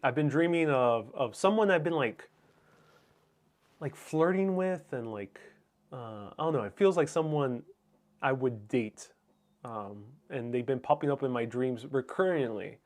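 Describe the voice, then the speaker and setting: A Spanish-speaking man hosts a livestream, reading viewer comments and answering them in a relaxed, musing, slightly hesitant way. His voice sits in the mid range, with lively intonation and an unhurried pace.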